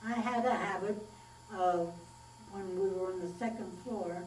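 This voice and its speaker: A woman in her nineties, recalling her childhood in a slow, plainspoken oral history interview. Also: medium pitch, a little mellow. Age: 90s. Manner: unhurried, plainspoken storytelling with pauses and fillers. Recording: echoey room, distant mic, faint mains hum.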